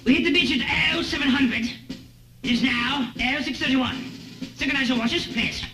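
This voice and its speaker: A bossy mock British officer. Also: male voice, very high-pitched, moderate pace. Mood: commanding. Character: young man putting on a bossy British officer. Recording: roomy, distant 1960s TV audio with music.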